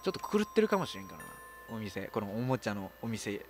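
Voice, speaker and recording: A woman's voice: rumbling low, sing-song, quick pace. A woman with a Kansai accent giving casual horror game commentary as a streamer, full of blunt, mouthy asides. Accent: Kansai Japanese. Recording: music behind the voice.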